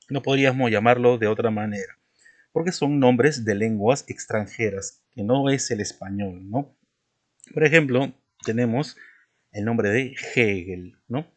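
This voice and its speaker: In a patient spelling lesson, a male teacher works through the material step by step, checking in with his listener again and again through tag questions. His voice has a darkish tone and a middle pitch.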